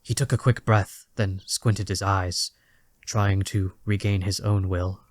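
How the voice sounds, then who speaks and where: With a low, steady voice and measured literary phrasing, a male narrator reads a dramatic scripted story. The sound is close and dry, without any echo.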